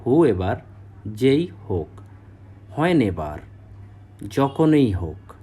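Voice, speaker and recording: A man with a Bengali accent teaching English vocabulary, saying each word, giving its meaning and repeating it slowly. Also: medium pitch, mellow, slightly rough. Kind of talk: slow vocabulary drill.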